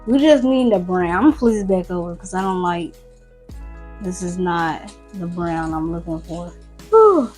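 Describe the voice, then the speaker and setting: A woman's voice: lowish voice, moderate pace, dark tone, soft background music. A tired woman, chatting casually and rambling to her viewers while cooking in her home kitchen, recorded by a nearby camera. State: tired, yawning. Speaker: cooking vlogger. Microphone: camera close by.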